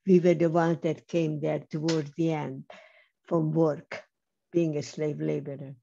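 An older woman, a Holocaust survivor, gives a measured, emphatic personal testimony over a video call, speaking slowly with pauses in a slow testimony talk. Her voice is low, gravelly and mellow, with a flat delivery. She's in a home room using a webcam mic, and the lo-fi video call audio sounds slightly dull.

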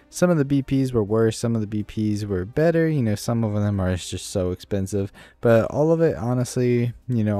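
A man's voice: fairly low pitch, dark tone, no room sound. A man giving casual, rambling gameplay commentary as a gaming video creator, with lots of fillers and restarts. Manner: laid-back, rambling with many fillers. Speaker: gaming YouTuber.

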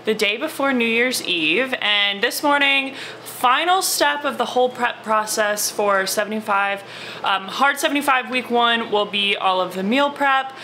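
Bright-voiced chatty American woman. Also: a little high, unhurried, slight background noise. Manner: chatty, upbeat, lots of fillers. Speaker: vlogger. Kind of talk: casual vlog talk to camera. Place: small apartment, indoors. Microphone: camera or phone mic at close range.

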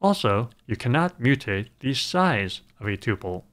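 A man narrating a scripted programming screencast in a calm, measured way. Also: mid-range voice.

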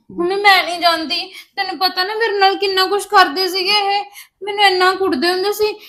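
A woman's voice: very high voice, fairly bright tone. A young woman with a Punjabi accent, playing a fearful daughter who pleads with her mother in a drama series. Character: frightened young married daughter.

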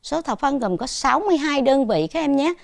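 A woman's voice: sits high, lively intonation, brisk, gravelly, no echo, studio quality. A woman with a Southern Vietnamese accent teaching a televised primary school math lesson, patiently asking her pupils questions as she goes.

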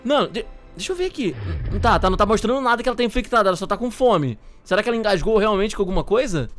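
Fast, excitable young male gamer. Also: sits high, soft background music. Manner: animated, exclaiming, joking with co-player. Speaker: gaming channel host. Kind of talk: excited gameplay chat.

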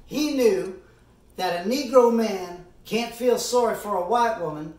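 Through a distant microphone and a roomy echo, an amateur actor's high voice carries an indignant courtroom summation. His character is an earnest, impassioned middle-aged defence lawyer, and he speaks deliberately with emphatic oratory and dramatic pauses.

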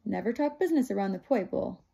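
A woman's voice: mid-range voice, lively intonation, fast, creaky, dark tone. A woman reading aloud, voicing a bossy, spirited young girl who teases and talks in short, clipped phrases. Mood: instructive. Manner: teasing, clipped simple phrasing.

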